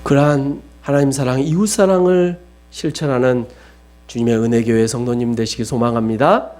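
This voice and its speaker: A young adult man preaching a sermon, swinging from loud pleading questions to hushed, almost whispered lines. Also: medium pitch, steady tone, moderate pace.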